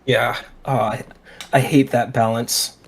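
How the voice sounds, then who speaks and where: Man, late 20s, relaxed, matter-of-fact, casual chat. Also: medium pitch, measured pace, slightly rough. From Utah, USA.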